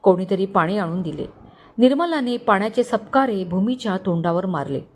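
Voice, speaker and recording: Woman, storyteller, scripted story narration, even delivery. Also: medium pitch, normal speed.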